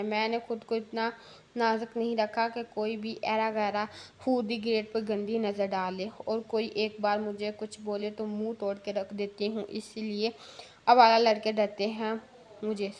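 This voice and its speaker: A woman's voice: on the high side, natural voice. A woman reading as a blunt tough young woman. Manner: scolding, mocking, blunt. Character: bold sharp-tongued young woman, teasing and tough. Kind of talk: storybook reading with voices.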